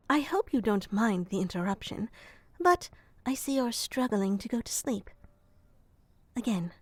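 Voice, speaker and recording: In an ASMR roleplay, a woman plays an earnest young moth girl who helps people sleep, speaking close to the mic. Her fairly high voice is soft, slow and deadpan, sometimes slipping into whispers, with no echo.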